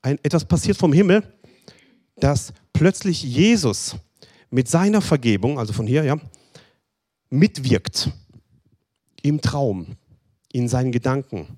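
Husky-voiced man preaching earnestly. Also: medium pitch, a little slow, pauses often. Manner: pleading, repetitive, addresses listeners directly; animated, acts out short dialogues in other voices. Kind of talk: sermon.

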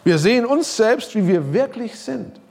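A man's voice: measured pace, gravelly. A middle-aged male pastor preaching a sermon, talking casually and directly to his listeners, his voice rising and falling. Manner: lively preaching, pitch rising and sinking, some quiet passages; casual, direct address with English loanwords.

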